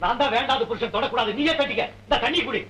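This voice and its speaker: An actor playing a boisterous young village husband who teases loudly and theatrically, in 1970s film acting. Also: male voice, very high voice, rapid-fire, roomy sound, soft background music, poor audio. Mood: mocking. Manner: loud mocking, theatrical, laughing.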